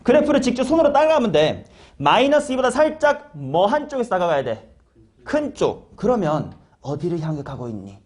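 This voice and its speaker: Lively high-voiced male math teacher. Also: a little fast. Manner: casual, slangy, quizzing students by name. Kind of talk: classroom lecture.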